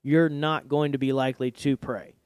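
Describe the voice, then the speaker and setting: A man's voice: medium pitch, little pitch movement, normal speed, darkish tone, smooth, no echo. A man in his thirties hosting a casual faith podcast from a basement studio, laughing often and explaining at length. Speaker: podcast host.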